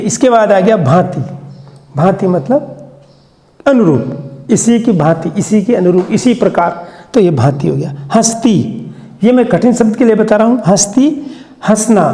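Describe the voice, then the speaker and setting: A man teaching pupils a lesson, asking questions and sounding out words slowly syllable by syllable. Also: high-pitched, warm tone, roomy sound, long reverb tail. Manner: slow, syllable-by-syllable pronunciation drills; asks questions and repeats the answer. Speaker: school teacher.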